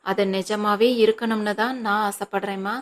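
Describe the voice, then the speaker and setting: A woman's voice: mid-range voice, little pitch movement, normal speed, close to an everyday voice. A woman reading an earnest, pleading young man. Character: anxious, earnest grown son pleading with his mother.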